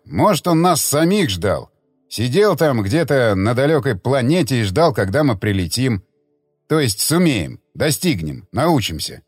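A man's voice: mid-range voice, slightly rough, dry recording, studio quality. Man reading a weary, musing male survivor. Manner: musing, wistful, unhurried. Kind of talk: audiobook character reading.

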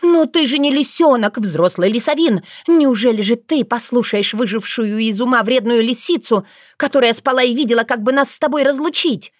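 A woman voicing a pushy, vain young vixen with a shrill, wheedling manner in an audiobook. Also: normal speed, no echo, clean studio sound, natural voice. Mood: indignant. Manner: shrill, wheedling then hissing. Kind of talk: audiobook character voice.

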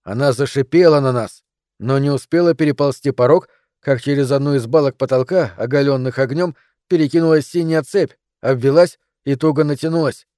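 A man narrating an audiobook in a measured, dramatic reading. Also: medium pitch, warm tone, no room sound, studio quality. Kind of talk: scripted narration.

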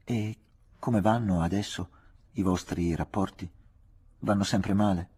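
A man reading an anxious, gentle aging father. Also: deep voice, steady tone, unhurried, breathy edge, full character voice. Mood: hushed tender. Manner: kindly, fretful, confiding.

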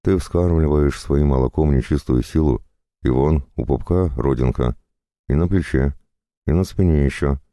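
A man's voice: rumbling low, moderate pace, warm tone, no echo, clean studio sound. A man voicing a burly, drunken jailer-monk who lectures and leers at his prisoner in a storybook reading. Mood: preachy. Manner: preachy, leering.

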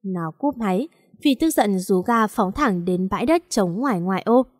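A woman narrating a dramatic story with an expressive reading. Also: mid-range voice, normal speed, dry recording, studio quality.

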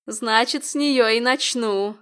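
A woman voicing a brutal, crude grown man who barks his lines loudly and coarsely. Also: fairly high pitch, slow, clean tone. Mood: leering. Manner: barking, loud and coarse.

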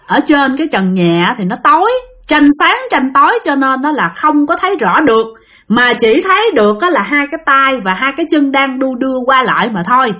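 A woman's voice: high voice, pushed and bright. A woman narrating a spooky story in a chatty way, talking straight to her listeners. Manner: chatty, addresses listeners directly.

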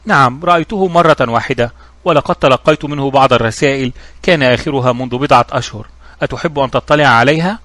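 A man voicing a composed, genteel middle-aged mother in a storybook reading, explaining things calmly. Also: medium pitch, fast talker, dry recording, natural voice.

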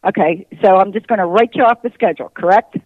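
Over a muffled phone line, a woman pretends to be someone's boss in a prank call, repeating the same insistent lines. She talks fast at medium pitch, with no echo.

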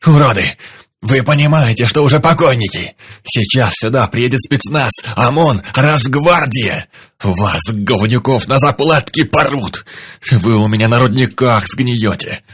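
A man voicing a pompous deputy governor, shouting blustering threats in high, loud bursts. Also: measured pace, husky, no room sound, studio quality. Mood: enraged. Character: furious pompous male deputy governor hostage.

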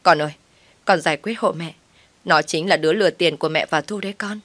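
A woman's voice: low voice, fairly quick, no room sound. Desperate older mother-in-law, begging, as a woman narrator reads her; dry, close sound. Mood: pleading. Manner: loud and pleading.

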